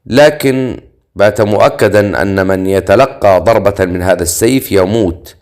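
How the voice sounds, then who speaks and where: Sol: a blunt, suspicious immortal woman in a storybook, read by a man in his own low voice. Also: moderate pace, a little mellow, smooth, natural voice. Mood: wary. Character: wary sharp-tongued young immortal woman.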